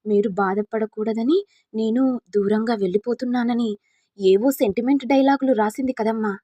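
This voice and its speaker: A woman's voice: a little high, steady tone, moderate pace, dark tone, no echo, close to an everyday voice. A woman voicing a scheming young woman with a mocking way of talking.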